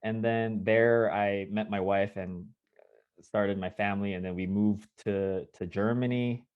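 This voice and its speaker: A man's voice: on the low side, steady tone, clear, resonant tone, phone-quality sound. Korean-born man hosting a video-call interview. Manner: measured, self-correcting, conversational.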